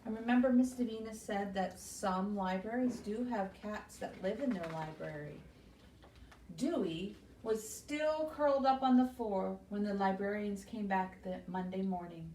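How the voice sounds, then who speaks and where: A children's librarian reads aloud and asks small children simple questions to explain the story. She has a mellow, medium-pitched voice and a measured pace, captured by a distant mic in an echoey room with faint noise.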